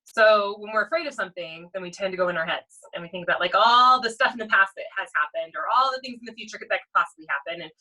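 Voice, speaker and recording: Bright-voiced woman on a distant mic. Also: a little high. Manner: earnest, animated, repeats herself. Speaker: co-host. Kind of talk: casual spiritual chat.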